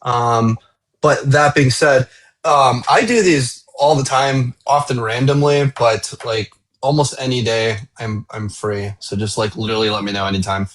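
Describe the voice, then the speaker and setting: A man's voice: mid-range voice, measured pace. Laid-back man hosting a livestream. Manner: relaxed, laid-back, filler-heavy. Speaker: livestream host. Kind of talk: casual livestream chat.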